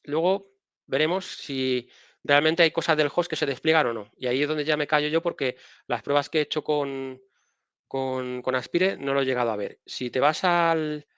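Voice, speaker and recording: A man with a Spanish accent talks through software in a relaxed, conversational way. He is a guest on a live technical stream, walking viewers through his screen, and he often restarts his phrases. The sound is dry and close, with no room around it. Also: fairly high pitch, moderate pace, clean tone, dry recording. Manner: casual, explains while sharing screen, frequent restarts. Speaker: guest speaker.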